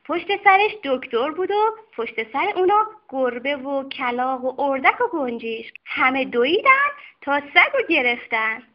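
A woman narrating a children's story in a lively, expressive storytelling manner. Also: high-pitched. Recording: dull lo-fi recording.

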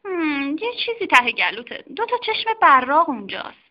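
A woman's voice: high voice, big pitch swings, pitched above the performer's own voice. A woman voicing a stern female doctor who scolds a misbehaving dog in a children's story. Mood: examining. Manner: scolding, firm. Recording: dull lo-fi recording.

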